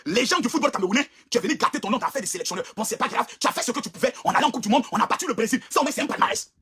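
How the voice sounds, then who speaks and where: Raspy high-pitched man ranting fast. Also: bright, forceful tone. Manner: indignant, pleading, emphatic. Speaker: online commentator. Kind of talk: impassioned video rant.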